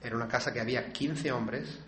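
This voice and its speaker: A man's voice: medium pitch, steady tone, a little fast, a bit bright, echoey room, a little hiss or hum. Earnest man telling his own story. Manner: earnest, confessional storytelling with acted quotes. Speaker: speaker sharing his recovery story. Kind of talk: personal testimony.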